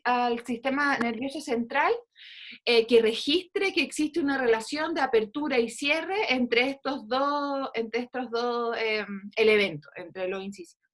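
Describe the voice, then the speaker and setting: A woman's voice: high-pitched, a bit bright. A woman teaching an online dentistry class, coaxing students to answer questions with frequent fillers over a video call. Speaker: dentistry lecturer.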